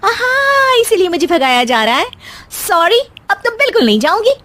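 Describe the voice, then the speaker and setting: A feisty young daughter-in-law from a cartoon family comedy, acted by a woman. Her voice is very high and lively, swinging up and down as she bickers. She sounds sulky, sarcastic and indignant. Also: normal speed, exaggerated voice. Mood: teasing, defiant. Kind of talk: animated family comedy story acting.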